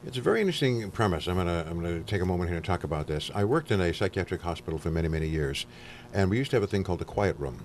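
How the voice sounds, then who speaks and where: This is a man speaking as a guest counselor on a talk show. His voice sits very low and the words come out fast. He explains at length, often breaking off and starting a sentence again. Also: lively intonation, darkish tone, slight background noise. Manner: fast, explanatory, with frequent restarts. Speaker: guest counselor on anger management. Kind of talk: explaining in casual studio chat.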